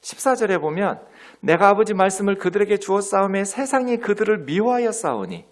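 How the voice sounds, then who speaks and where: A middle-aged male pastor preaching a sermon in a church, lively, sometimes dropping to soft near-whispers. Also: high-pitched, a little fast. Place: church sanctuary.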